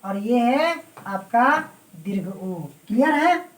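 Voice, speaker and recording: A woman gives an exam-prep grammar lecture in a somewhat high voice. She repeats key points and keeps checking that her students follow. She is recorded from a distance in a roomy, echoing space. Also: lively intonation, slow pace. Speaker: Hindi grammar teacher. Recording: roomy echo, voice away from the mic.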